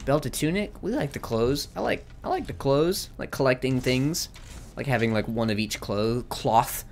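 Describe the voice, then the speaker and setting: A man's voice: medium pitch, moderate pace, darkish tone, slight background noise. A man hosting a gaming video with casual, rambling, jokey and slangy commentary.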